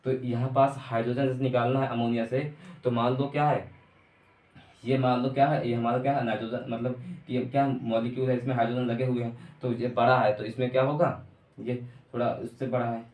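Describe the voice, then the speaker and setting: A man's voice: mid-range voice, level tone, fairly quick, darkish tone. A man teaching an online chemistry lecture, going over points again and again and asking rhetorical questions with homely examples. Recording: echoey room.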